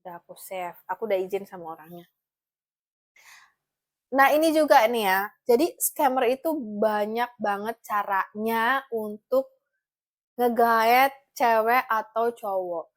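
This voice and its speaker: A woman's voice: a little high, measured pace, no echo. A young woman talking casually to her followers, rambling with fillers and self-corrections. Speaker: vlogger giving dating advice. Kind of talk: casual chat to camera.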